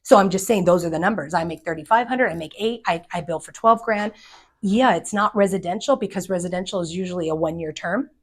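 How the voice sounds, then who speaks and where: A middle-aged woman, a commercial real estate agent, giving direct and energetic advice to fellow agents. She often acts out the people she quotes. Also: fairly low pitch, fast.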